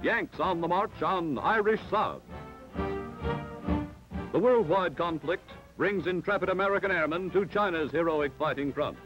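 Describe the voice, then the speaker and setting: High-pitched and a little slow, a male announcer gives dramatic, emphatic narration for a 1940s newsreel. The recording is a dull, lo-fi film soundtrack with loud music in the background.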